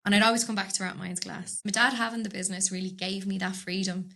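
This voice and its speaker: A woman's voice: mid-range voice, flat delivery, fast, creaky, pushed and bright. Dublin woman, podcast guest; chatty, rambling, laughs easily, studio mic. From Dublin, Ireland. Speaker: podcast guest, business owner. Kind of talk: casual interview chat.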